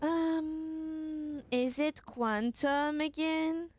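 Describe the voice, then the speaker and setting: A woman's voice: sits high, fairly even intonation, drawn-out words. A young woman streaming a game, musing aloud and asking herself questions as she plays. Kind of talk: casual gameplay commentary.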